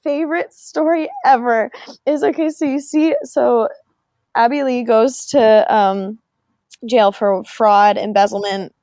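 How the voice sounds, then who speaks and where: A woman's voice: on the high side, fairly even intonation, measured pace, a little mellow, dry recording, studio quality. Giggly young woman telling stories. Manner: giggly storyteller, laughs often. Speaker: podcast co-host. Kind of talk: casual chat.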